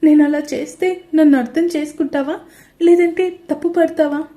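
A woman's voice: high voice, fairly even intonation, normal speed, mellow, pitched above the performer's own voice, lightly acted. A woman voicing an upset, tearful young wife pleading with her husband in an audio story.

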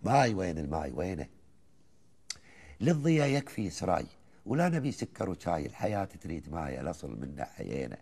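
A Kuwaiti man, a TV guest, recites colloquial verse in a low, gravelly, slightly husky voice. His pitch rises and falls widely as he keeps a steady, rhythmic beat. He laughs between the lines. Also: a little fast. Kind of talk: reciting colloquial poetry in conversation.

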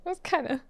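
A young woman hosting an anime reaction, gushing with excitable, giggly comments and gasps.

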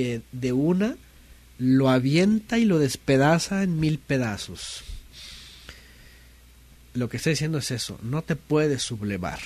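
A man's voice: mid-range voice, dry recording. A man with a Mexican accent preaching a sermon in a conversational way, often asking rhetorical questions and mimicking people's complaints.

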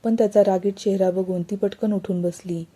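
A woman narrating a romance story as a storyteller, in a steady and even reading. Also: medium pitch, moderate pace, slightly rough.

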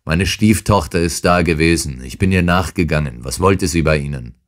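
A man voicing a huge, brutal older man in an audiobook, talking in a rude, shouting, insolent way. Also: rumbling low, normal speed. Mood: insolent, angry. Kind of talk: audiobook character reading.

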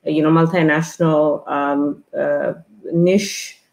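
A middle-aged Ethiopian woman guests on an online interview, speaking through an earbud headset on a video call with lots of fillers and restarts. Her low, darkish voice is slow with fairly even intonation, and the sound is roomy.

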